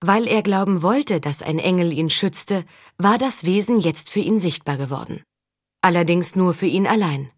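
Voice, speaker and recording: A woman reading a historical novel aloud in calm, even storytelling. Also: fairly low pitch, normal speed, breathy edge, no room sound, studio quality. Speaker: audiobook reader. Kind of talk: scripted narration.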